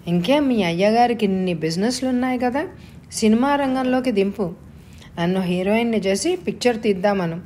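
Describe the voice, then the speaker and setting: A woman's voice: on the high side, moderate pace, warm tone, slight background noise, pitched above the performer's own voice, natural voice. A woman voicing a proud young woman who answers sharply and with indignation in a storybook reading. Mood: indignant.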